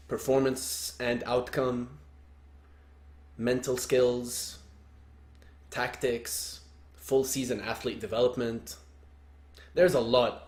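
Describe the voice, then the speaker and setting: Joking soccer coach from Lebanon, echoey room. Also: male voice, mid-range voice, a little mellow. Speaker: podcast co-host, soccer coach. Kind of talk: casual podcast chat.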